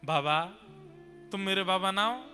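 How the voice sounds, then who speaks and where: A man doing a mischievous Braj boy god, whiny and bright. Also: high voice, animated, measured pace, full character voice. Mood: pleading. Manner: wheedling, whiny childlike pleading. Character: mischievous young boy god, playful and pleading. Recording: long hall reverb with music.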